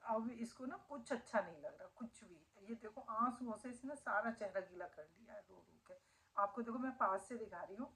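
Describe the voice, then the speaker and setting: A woman's voice: a little high, normal speed, fairly bright tone, poor audio. A middle-aged woman vlogging casually at home, emotional and doting as she talks about her pet dog. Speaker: family vlogger. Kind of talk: casual home vlog talking to viewers. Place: at home indoors.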